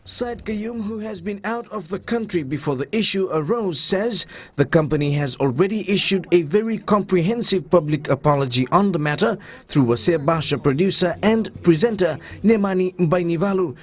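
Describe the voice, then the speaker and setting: A male news reporter delivers scripted narration. His voice is distinctly high-pitched for a man. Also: expressive, moderate pace.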